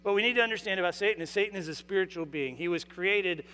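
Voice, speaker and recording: A man's voice: high-pitched, quick pace, pushed and bright. A male pastor delivering a sermon in a church sanctuary during a service, speaking earnestly and often restarting or repeating words as he talks. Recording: long reverb from a large hall.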